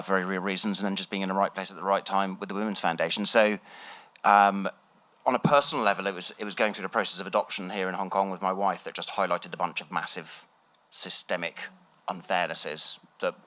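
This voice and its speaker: Low, bright-voiced man, understated. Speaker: panelist. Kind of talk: panel talk, informal personal account.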